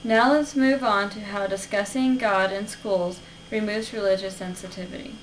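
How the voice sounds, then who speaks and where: A woman's voice: mid-range voice, fairly even intonation, moderate pace. A young adult woman student giving an earnest, structured persuasive speech for a class. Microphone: camera at a distance. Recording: distant camera with faint hiss.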